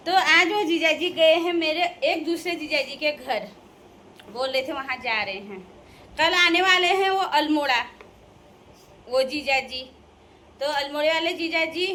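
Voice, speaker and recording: A woman's voice: sits high, sharp tone, slight background noise. A young woman from the Uttarakhand hills, chatting casually and teasing in a playful vlog, laughing often. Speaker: vlogger addressing viewers.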